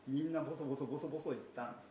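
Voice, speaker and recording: A man leads a conversational Bible lesson, mixing the story with playful little asides and quiet chuckles. His voice sits at an ordinary pitch for a man. The room gives it a noticeable echo over a faint hum of background noise. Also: fairly even intonation, rapid-fire. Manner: chatty, with playful asides and soft laughs. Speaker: pastor.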